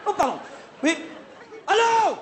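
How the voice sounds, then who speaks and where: A man playing a flustered, stammering male theatre director in a live comedy sketch, hesitating and then bursting into shouts. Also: very high-pitched, lively intonation, moderate pace, crowd noise. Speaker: comic stage performer. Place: theatre stage with live audience. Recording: live stage recording, audience noise.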